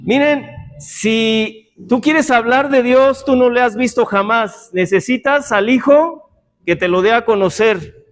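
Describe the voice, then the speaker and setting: A man with a notably high voice leads a Bible class in a church meeting room. He teaches in a chatty, informal way, mixing doctrine with jokes and rhetorical questions aimed at the class. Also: a little slow.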